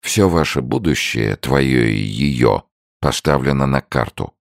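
A man reads as a tired, ailing old father, solemn and gentle. His voice sits extremely low with a gravelly creak, close and dry. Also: animated, unhurried, no echo, exaggerated voice. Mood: tender.

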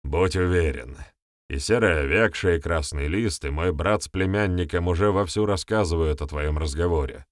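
A man's voice: low voice, no echo, clean studio sound, lightly acted. A man voicing a sly grey old forest sage.

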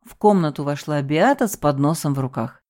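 Low, mellow-voiced woman narrating a story. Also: brisk. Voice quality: expressive, lifts pitch for quoted lines. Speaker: audiobook narrator. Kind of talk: scripted narration with character voices.

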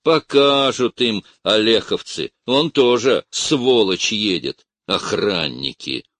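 A man voicing jeering young seminary students who shout taunts. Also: lowish voice, lively intonation, slow, no room sound, voice pushed up, full character voice.

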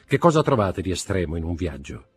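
A man voicing a desperate, furious young man who shouts reproachful outbursts, with a husky voice. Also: low-pitched, big pitch swings, a little fast, faint music behind, exaggerated voice. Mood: tense.

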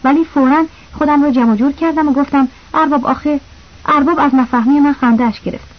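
A woman narrating a novel as an audiobook, reading the characters' lines in her own voice with small shifts. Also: sits high. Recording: slightly dull lo-fi audio.

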